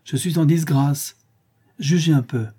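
A man's voice: medium pitch, moderate pace, dark tone, slightly rough, lightly acted. A man reading aloud and voicing a proud young aristocratic girl who speaks in a mocking, theatrical tone.

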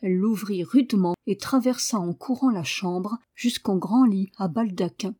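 A woman reading a novel aloud as audiobook narration, measured and expressive. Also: medium pitch, husky. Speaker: audiobook reader. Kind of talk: scripted narration.

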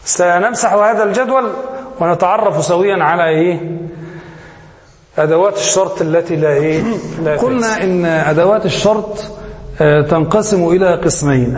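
High-voiced sheikh teaching grammar in an echoey hall. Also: male voice, a little fast. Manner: asks questions and answers them himself. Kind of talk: classroom grammar lesson. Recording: echoey hall with faint hiss.

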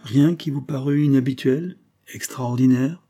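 A man voicing a bold, calm male trial lawyer who asks pointed questions in an audiobook reading. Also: medium pitch, unhurried, voice pushed up.

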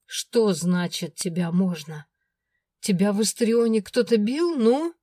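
A woman voicing a stern, possessive male dragon lord who speaks in a gruff, commanding way. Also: on the low side, steady tone, normal speed, dark tone, no echo, clean studio sound, natural voice.

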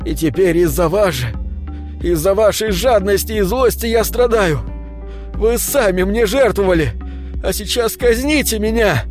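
A man reading an audiobook, voicing a wounded man who shouts through his tears and defends himself. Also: sits high, animated, moderate pace, soft background music, voice pushed up. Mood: anguished shouting. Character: wounded desperate man, crying and defiant.

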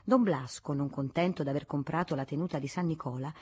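A woman narrating a classic novel as an audiobook in a measured, expressive reading. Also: deep voice, slightly rough. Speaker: audiobook reader.

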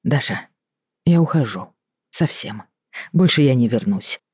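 A reader voicing a tired, fed-up middle-aged doctor in an audiobook, reproachful and measured. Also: medium pitch, animated, a little mellow, husky, dry recording, studio quality. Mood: weary. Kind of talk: audiobook reading.

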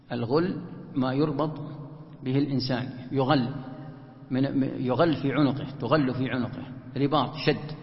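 A man teaching a Quran commentary lesson, who asks rhetorical questions and answers them himself. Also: mid-range voice. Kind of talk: explanatory religious lesson. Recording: echoey hall, muffled lo-fi sound.

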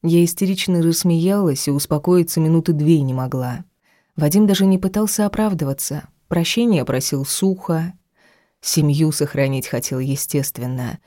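A woman reading a first-person audiobook in a measured, intimate storytelling manner. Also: low-pitched, warm tone, dry recording, studio quality. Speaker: audiobook reader.

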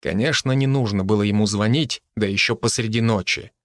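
A man's voice: lowish voice, brisk, no echo. Man narrating an audiobook, dry close sound. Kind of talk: first-person audiobook narration.

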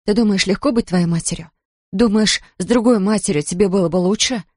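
A woman's voice: medium pitch, a little fast, a little mellow, no room sound, studio quality, lightly acted. A reader voicing a tired, anxious mother, a doctor, who pleads with her son. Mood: pleading weary.

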